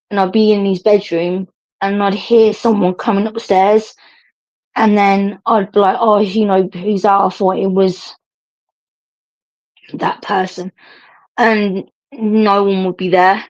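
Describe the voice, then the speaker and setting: A woman's voice: mid-range voice, a little mellow. A middle-aged woman, chatting casually to viewers as a livestream host, rambling and laughing often. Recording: dull lo-fi stream audio.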